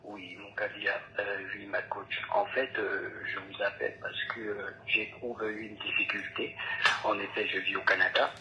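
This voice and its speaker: A man's voice: fairly low pitch, flat delivery, normal speed. A young man calling an advice show by phone, hesitant and polite with many ums, emotional and near tears. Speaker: caller. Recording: dull phone line, faint noise.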